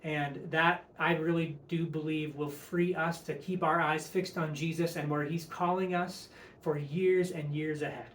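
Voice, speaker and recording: High-voiced man addressing a congregation, echoey room. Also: little pitch movement, unhurried, fairly bright tone, slight background noise. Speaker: church leader giving congregation update. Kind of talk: public update speech to a congregation.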